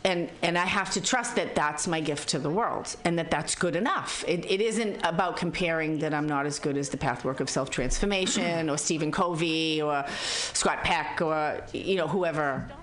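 A woman in her fifties speaks in a low voice with a Boston accent. She talks in a conversational, reflective way, candid and earnest, with a blunt streak. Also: normal speed, hardly any pauses, a bit bright. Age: 50s. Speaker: interview guest, psychologist and spiritual teacher. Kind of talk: conversational, reflective interview talk.

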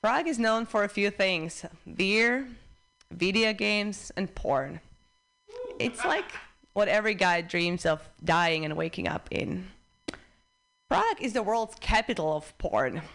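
A young woman from the Czech Republic with a Czech accent, doing a stand-up set at a comedy club in a dry, deadpan way. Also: mid-range voice, measured pace, vocal fry.

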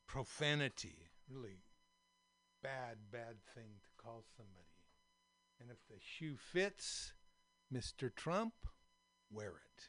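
Older man, radio host, deliberate unhurried delivery, frequent ums, studio mic. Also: mid-range voice, fairly bright tone. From San Francisco, USA. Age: 70s. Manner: slow, thoughtful, many fillers. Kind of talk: community radio talk show.

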